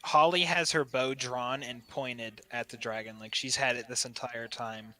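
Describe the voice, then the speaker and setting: A man narrating a tabletop game as game master, casual and halting as he improvises. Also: medium pitch, fairly even intonation, bright, forceful tone.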